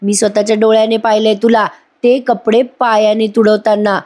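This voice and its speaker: A woman's voice: medium pitch, flat delivery, moderate pace, darkish tone, natural voice. A woman voicing a stern elderly matriarch in a serial recap, scolding and giving orders. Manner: scolding, commanding. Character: stern elderly grandmother, head of household.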